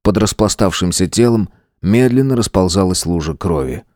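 A man giving steady, measured dramatic audiobook narration. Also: low-pitched, no echo, clean studio sound.

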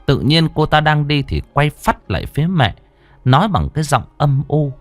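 A man narrating a ghost story in a dramatic, expressive way. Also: a little high, moderate pace, no echo, faint music behind.

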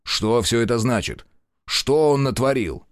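A man's voice: medium pitch, animated, a little slow, dry recording, studio quality, close to an everyday voice. A man voicing a stern male police official who barks orders and questions curtly, in an audiobook. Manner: barking orders, curt questioning.

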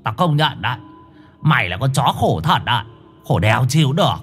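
A man's voice: medium pitch, very animated, unhurried, faint music behind. A man voicing a weary caged dog that complains coarsely. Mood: disgusted.

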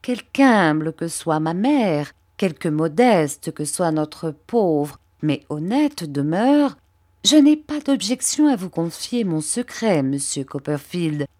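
A woman reads a fawning young clerk who dwells on his own humility, drawing out each ingratiating phrase. The voice sits fairly low and moves at an unhurried crawl. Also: darkish tone, full character voice. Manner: unctuous, slow, ingratiating. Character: fawning, falsely humble young male clerk. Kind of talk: audiobook character reading.

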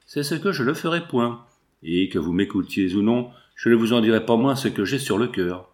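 A man voicing a pompous, self-important gentleman who protests in stiff, formal speech. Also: medium pitch, animated, normal speed, natural voice. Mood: insistent.

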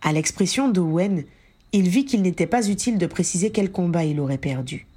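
A woman narrating a fan fiction audiobook in a steady, even storytelling manner. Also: on the low side, brisk, slightly rough. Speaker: audiobook reader.

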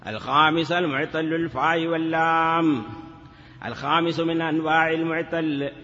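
A man's voice: fairly high pitch, fairly even intonation, moderate pace, sharp tone, long reverb tail, highs cut off. A man teaching a grammar lesson in a classroom, asking questions and answering them himself, sometimes drawing words out in a chanting lilt. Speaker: teacher of Arabic morphology. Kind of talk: classroom lecture.

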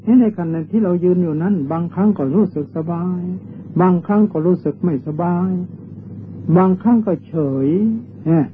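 An older Thai monk delivers a dharma sermon in a slightly raised voice, patiently explaining and repeating meditation chants. The sound is thin and tinny, like an old tape played through a narrow speaker, with faint hiss underneath. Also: male voice, high-pitched. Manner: patient, repetitive teaching with drawn-out meditation chants. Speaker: Buddhist monk.

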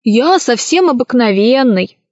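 A brave, modest young boy from a storybook who speaks earnestly in a raised voice, as a woman reader voices him. He talks slowly, and the recording is dry and a little dull. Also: a little high, lively intonation, darkish tone, no room sound.

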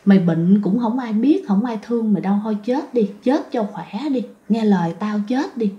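Woman whispering as a raspy male ghost. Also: a little high, animated, moderate pace, natural voice. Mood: menacing. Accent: Southern Vietnamese. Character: menacing male ghost whispering urging death. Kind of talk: whispered role-play. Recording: roomy, slightly dull recording.

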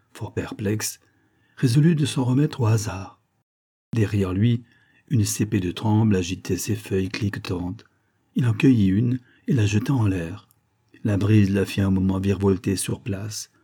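A man narrates an old-fashioned novel in a measured, storytelling manner. His voice is low and mellow with a breathy, husky edge. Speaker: audiobook reader. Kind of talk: literary narration.

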